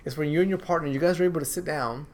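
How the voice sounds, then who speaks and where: A male counselor speaks rapid-fire to camera from his office, his voice on the high side with a darkish tone. It's a casual, conversational talk where he repeats himself and keeps asking "right?", while clearing a dry throat.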